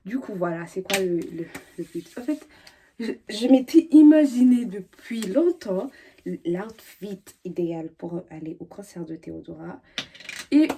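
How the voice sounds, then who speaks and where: A woman's voice: mid-range voice, animated, a little slow, dark tone, slight background noise. A young woman from Burundi chatting to the camera in a slangy way, full of fillers and restarts. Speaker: vlogger. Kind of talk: casual chat to camera.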